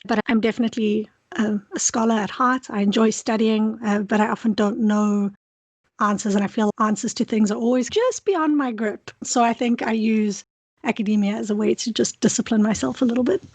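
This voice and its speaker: Her pitch runs high and her tone darkish, with fairly even intonation and a brisk pace. She's a PhD student from South Africa, accent to match, giving a candid, reflective interview and often starting over mid-sentence. No echo.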